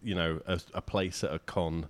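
A man's voice: sits low, fairly even intonation, normal speed. A man hosting a podcast, chatting in a laid-back, friendly way. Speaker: podcast host. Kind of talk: casual chat.

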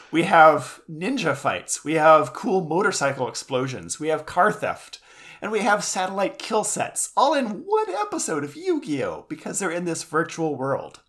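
A podcast co-host who rants with comic exasperation in a casual chat and swears freely. Their pitch swings widely from line to line. Their voice sits in a middle register. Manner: animated, ranting and swearing for comic effect.

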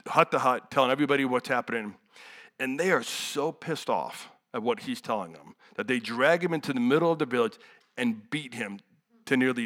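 A man's voice: mid-range voice, fairly bright tone. Man preaching a conversational sermon. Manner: conversational, candid, with asides and rhetorical questions.

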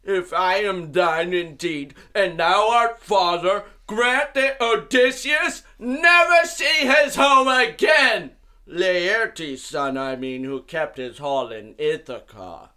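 A man's voice: sits high, animated, slow, pushed and bright, exaggerated voice. Cyclops: a man playing a bellowing blinded giant. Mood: raging lament. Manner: bellowing threats and wailing curses. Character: huge one-eyed male giant, blinded and raging.

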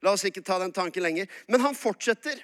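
A male pastor with an Eastern Norwegian accent delivers a sermon full of jokes and anecdotes. His voice sits fairly high and sounds bright and forceful. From Norway, Oslo area. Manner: humorous, storytelling, animated.

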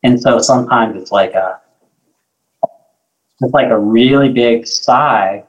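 A man as podcast host, talking in a measured, reflective way. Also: mid-range voice, muffled recording. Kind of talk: casual conversation.

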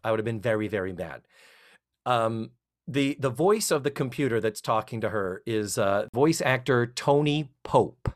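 Middle-aged co-host, animated and rambling, acts out quotes with a lively, swinging pitch. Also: moderate pace. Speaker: podcast co-host. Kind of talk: casual chat recapping a TV episode.

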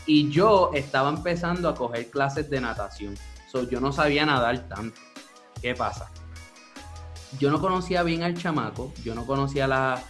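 A man telling a childhood story in casual chat, slipping English words in. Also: mid-range voice. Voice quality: animated, mixes English words.

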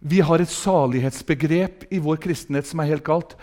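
A man with an Østfold Norwegian accent preaching a revival sermon in a meeting hall, fervent and shouting hallelujahs, swinging between loud outbursts and soft asides. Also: a little high. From southern Norway.

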